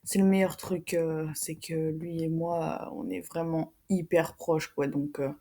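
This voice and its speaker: A teenage girl chats casually to her viewers. She talks fast and rambles, slangy and quick to swear. Her voice is warm and mellow. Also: low-pitched, flat delivery. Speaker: vlogger, secondary school student. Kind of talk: casual chat to camera.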